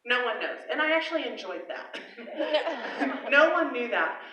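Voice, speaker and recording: A woman's voice: on the high side, sing-song, moderate pace, noisy background. A woman pastor telling a personal story in a sermon at a women's conference, chatty and often laughing. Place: conference hall. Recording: echoey hall mic from far off.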